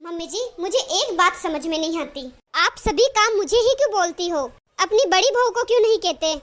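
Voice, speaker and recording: A woman's voice: very high-pitched, lively intonation, normal speed, a bit bright. A woman voicing an overworked young daughter-in-law in a cartoon who argues back and refuses chores. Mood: defiant. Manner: argumentative, complaining back.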